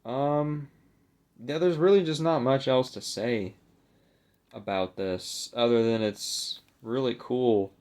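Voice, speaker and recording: In a casual, unscripted vlog, a young adult man presents a collectible, taking his time in a medium-pitched, slightly mellow voice. He wanders and hesitates as he talks and pokes fun at himself.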